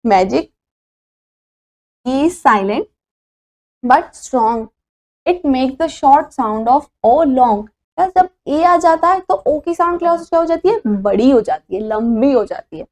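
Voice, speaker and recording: A woman's voice: high-pitched, expressive, takes it slowly, darkish tone. A woman teacher, walking through a phonics lesson and spelling out each word letter by letter before saying it whole. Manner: spells words letter by letter, then says them; mixes Hindi and English explanations.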